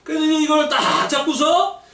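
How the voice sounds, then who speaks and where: A man giving a lively testimony at a gospel meeting, telling stories with shouted punchlines and laughter. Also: very high voice, moderate pace, background noise. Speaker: lay preacher giving a testimony. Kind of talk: sermon testimony. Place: church meeting hall. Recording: echoey hall, mic from a distance.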